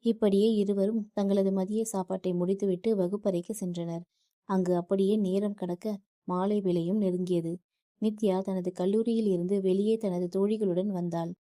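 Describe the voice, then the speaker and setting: A woman narrating a romantic audiobook story in a steady, even reading voice. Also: mid-range voice, normal speed.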